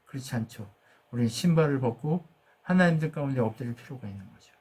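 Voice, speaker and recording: A man's voice: medium pitch, lively intonation, quick pace, a little mellow, slightly rough. A man preaching a sermon as a pastor. He asks the congregation questions, answers them himself, and acts out God's words with rising force.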